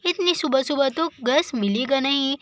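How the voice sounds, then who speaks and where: A woman's voice: high-pitched, moderate pace, a bit bright, no room sound. A woman voicing a caring older village aunt who fusses over the household in a soothing, motherly way. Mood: fussing.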